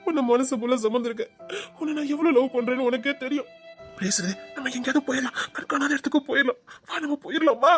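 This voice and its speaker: A woman's voice: high-pitched, fast, soft background music, close to an everyday voice. A woman voicing a desperate young man in love who pleads and threatens in an audio drama. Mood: pleading. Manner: pleading, repeats her name, emotional threats. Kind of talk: Tamil audio drama acting.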